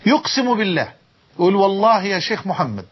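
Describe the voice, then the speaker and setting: A man's voice: high voice, very animated, quick pace, slightly rough. A man preaching a sermon in an Egyptian accent, telling stories with emotion and repeating key phrases. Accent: Egyptian Arabic. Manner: emotive storytelling with repetition. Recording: dull lo-fi recording.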